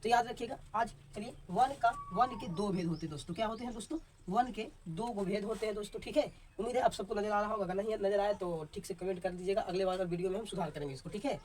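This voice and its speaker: Guy teaching at a board, rattles along fast, keeps asking okay?, mic a bit far off with faint hiss. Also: high voice, a little mellow. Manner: keeps checking in with "ठीक है?" and quizzes the viewers. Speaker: Hindi teacher. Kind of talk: classroom lesson at a board.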